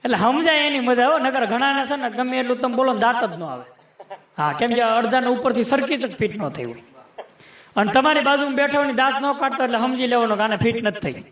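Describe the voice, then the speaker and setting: A man performing folk comedy on stage, chatting and teasing the audience, then reciting rhyming sayings in a steady rhythm. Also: very high-pitched, brisk, reverberant, highs cut off. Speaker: folk humorist.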